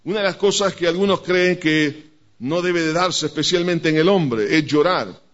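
A man's voice: fairly high pitch, normal speed, fairly bright tone. A man preaching a sermon to a congregation, speaking emphatically and addressing listeners directly. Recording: dull lo-fi church recording.

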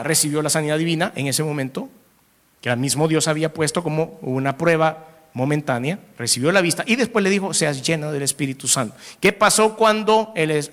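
Emphatic preaching man, slightly high voice. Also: fairly bright tone. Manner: reads scripture aloud and asks the congregation questions; emphatic, with sudden rises in pitch and volume. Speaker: pastor. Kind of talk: sermon.

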